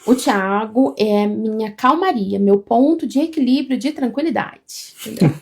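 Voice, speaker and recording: A woman, co-hosting a casual live stream from home, talking loudly and expressively. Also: fairly high pitch. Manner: loud, expressive and fast-flowing.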